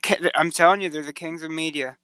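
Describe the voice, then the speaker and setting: Man, co-host, clear bright tone, slangy and profane, halting. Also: a little high, fairly even intonation, dry recording. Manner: slangy, swears, halting restarts. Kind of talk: casual chat.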